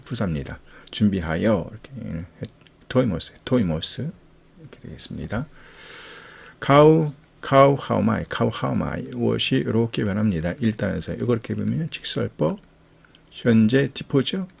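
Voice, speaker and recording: A man's voice: on the low side, creaky, darkish tone, husky. A man teaching biblical Greek words in a lecture, patiently repeating each term several times. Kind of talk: vocabulary lecture with repeated drills.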